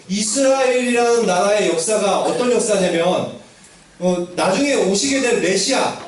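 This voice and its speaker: High-voiced man teaching children in an echoey hall. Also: recorded from a distance. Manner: asks children questions, acts out quotes. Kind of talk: children's sermon storytelling. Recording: very echoey room, voice from afar.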